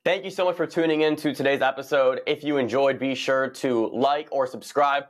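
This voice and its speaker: A male podcast host with an ordinary, mid-range voice, talking in a loose, casual way. He is warm toward his guest and encouraging, and he circles back on his own words while he thinks. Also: medium pitch, steady tone, moderate pace.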